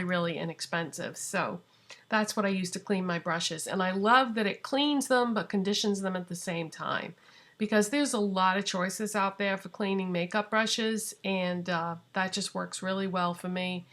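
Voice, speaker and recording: A woman's voice: lowish voice, fairly even intonation, moderate pace, a bit bright. Chatty woman giving a beauty tutorial. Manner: chatty, rambling with fillers and asides. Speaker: beauty vlogger. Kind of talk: casual tutorial talk.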